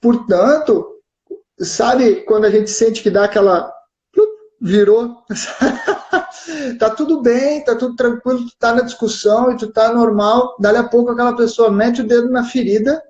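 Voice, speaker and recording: Gaúcho man, patient live-stream explainer, mellow tone, echoey and dull audio. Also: very high-pitched, a little slow. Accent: southern Brazilian (gaúcho). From southern Brazil. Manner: explains patiently with frequent "né?" and "certo?" check-ins. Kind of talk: explanatory casual chat.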